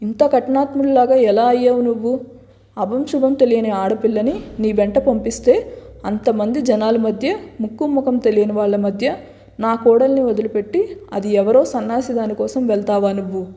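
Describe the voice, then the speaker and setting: Distraught middle-aged mother, tearful and scolding, a woman reading, raised pitch, reverberant. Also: moderate pace, warm tone, close to an everyday voice. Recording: long hall reverb.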